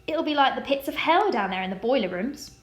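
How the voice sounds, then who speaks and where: A woman doing a blunt, sharp-tongued lady. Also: sits high, expressive, a little fast, roomy sound. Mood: scornful. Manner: blunt, snorting.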